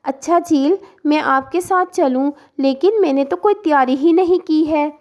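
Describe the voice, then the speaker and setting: A woman voicing a cautious female pigeon in a cartoon story, polite and sweet but sharp when she scolds. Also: high-pitched, normal speed, dull audio, voice pushed up, lightly acted.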